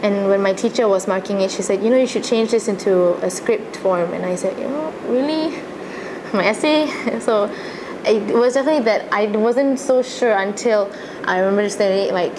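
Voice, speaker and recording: There's noticeable ambience and background noise as a young adult woman with a Malaysian accent recounts personal memories in a casual interview. Earnest and chatty, she talks briskly in a mid-range voice with hardly any pauses.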